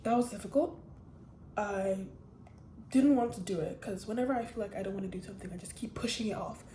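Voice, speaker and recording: A woman's voice: medium pitch, fairly quick, warm tone, echoey room, a little hiss or hum. A teenage girl chatting casually to the camera, telling a rambling personal story with many restarts. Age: teens. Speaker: vlogger. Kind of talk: casual chat.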